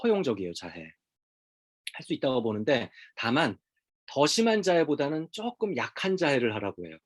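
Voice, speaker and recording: A middle-aged man who works as a hospital counselor, giving a casual spoken lecture to parents and acting out quick quoted lines from parents and kids. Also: medium pitch, very animated.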